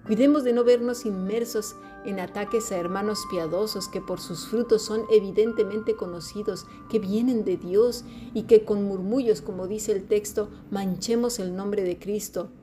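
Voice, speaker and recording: A woman's voice: mid-range voice, fairly even intonation, normal speed, few pauses, music in the background. A woman teaching a Bible lesson in a podcast, earnest and exhorting, asking rhetorical questions.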